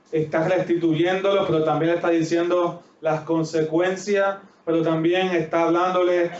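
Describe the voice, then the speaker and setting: A male pastor with a Puerto Rican accent preaching a sermon, booming in one phrase and dropping to quiet asides in the next, stretching out the scripture he reads. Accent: Puerto Rican Spanish. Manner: drawn-out emphatic scripture reading. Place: church sanctuary. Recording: roomy, distant, dull church audio.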